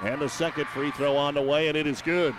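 A man calling a high school basketball game play by play on radio, his calls rising in excitement on big plays. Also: a little fast, a crowd in the background, noisy background. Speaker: play-by-play announcer.

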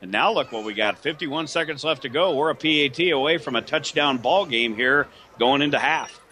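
An American man analyzes football plays live in folksy, colloquial language. His voice is bright and forceful, over clear outdoor background noise. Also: medium pitch, a little fast. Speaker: color commentator.

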